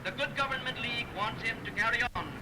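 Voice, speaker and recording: A man's voice: extremely high pitch, fast. An actor playing a formal civic chairman giving a declamatory 1930s film speech, a disembodied voice as if over a radio. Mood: solemn, rousing. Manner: formal, declamatory banquet oratory. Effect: disembodied voice over a car radio. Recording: noisy, distant 1930s film soundtrack.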